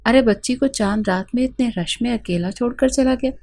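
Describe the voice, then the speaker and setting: A woman voicing a bossy, sharp-tongued elderly woman in an audio story, scolding and commanding. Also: on the high side.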